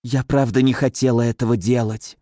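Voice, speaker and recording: A man's voice: mid-range voice, unhurried, darkish tone, smooth, no room sound, studio quality, lightly acted. A man voicing a frightened female fire snake who hisses her words apologetically in an audiobook. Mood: pleading. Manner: hissing, apologetic.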